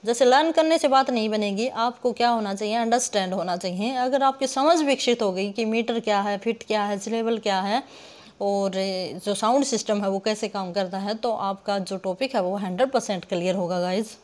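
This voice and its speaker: A woman's voice: medium pitch, moderate pace, a little mellow. A young woman teaching poetic meter in an online lesson, asking questions she answers herself and sounding out words syllable by syllable. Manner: rhetorical questions she answers herself, addresses viewers as guys. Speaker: literature teacher.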